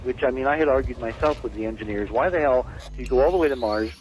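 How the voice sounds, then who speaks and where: A middle-aged man, a guest on a late-night radio show, telling stories excitedly and repeating words as he gets going. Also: medium pitch, quick pace. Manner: excited storyteller, repeats words when starting. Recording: dull lo-fi radio broadcast.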